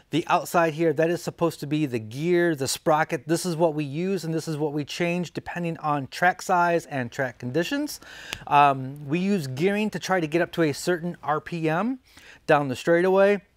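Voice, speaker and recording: A man's voice: fairly high pitch, no room sound. A man, hosting a woodworking channel and talking casually to camera, with lots of ums and uhs as he stands and gestures. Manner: chatty, many fillers, standing and gesturing. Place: indoor studio with colored backdrop.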